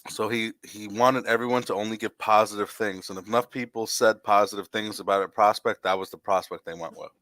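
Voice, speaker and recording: Low, bright-toned man venting opinions. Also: fairly even intonation, fairly quick, hardly any pauses, no room sound. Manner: opinionated, rambling with restarts. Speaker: podcast host. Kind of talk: casual sports chat.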